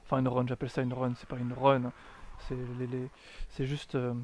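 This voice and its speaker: A man's voice: mid-range voice, monotone, normal speed, darkish tone. A man giving chatty live commentary while streaming a video game, mocking himself, swearing often and answering his chat.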